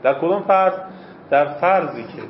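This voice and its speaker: A man's voice: on the high side, lively intonation, a little hiss or hum. A man teaching a seminary class, posing rhetorical questions, answering them himself and repeating key phrases for emphasis. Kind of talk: lecturing on Islamic jurisprudence. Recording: echoey, dull lo-fi classroom recording.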